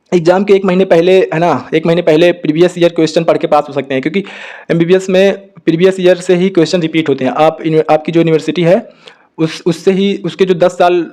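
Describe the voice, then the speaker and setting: A young man, a doctor, giving casual advice to students and checking in with "okay" after almost every point. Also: on the high side. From India. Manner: talks fast in a flat tone, with constant "ठीक है" check-ins. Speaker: doctor giving study guidance.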